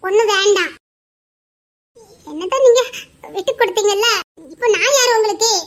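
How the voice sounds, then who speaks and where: A woman's voice: very high voice, normal speed. A woman, voicing a proud young woman who pouts and playfully stays stubborn with her lover in an amateur romantic audio drama. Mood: sulking. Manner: pouting, playfully stubborn, laughing through complaints.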